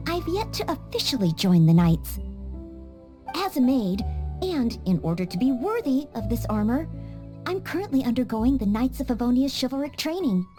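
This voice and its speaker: Noelle, an earnest young knight-in-training maid. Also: female voice, high-pitched, big pitch swings, moderate pace, warm tone, soft background music. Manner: polite, earnest, hesitant with small stammers. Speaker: game character. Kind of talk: game cutscene voice acting.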